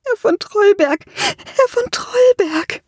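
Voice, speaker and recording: Shrill, panicked young woman therapist in an audiobook, very high and strained. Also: steady tone, normal speed, no echo, clean studio sound. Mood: terrified. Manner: shrill, screaming for help.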